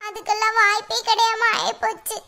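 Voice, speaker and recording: A very high, bright and piercing cartoon voice of a young married village woman, acted by a woman. She sounds tearful and anxious, fretting aloud in despair. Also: monotone, brisk, creaky, exaggerated voice. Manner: tearful, despairing, talks to herself. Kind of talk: cartoon voice acting.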